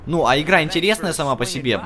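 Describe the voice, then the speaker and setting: A let's-play host with a fairly high, expressive voice talks fast while he plays. His commentary is chatty and casual, full of thinking aloud and remarks to the on-screen characters, backed by game music.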